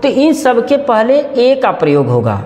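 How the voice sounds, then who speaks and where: A man teaching English grammar to exam students, repeating each example word slowly and sometimes correcting himself. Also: very high-pitched, wildly swooping pitch, a little mellow. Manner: drawn-out repetition of example words; corrects himself mid-explanation. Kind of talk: classroom grammar lesson. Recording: echoey room with long reverb.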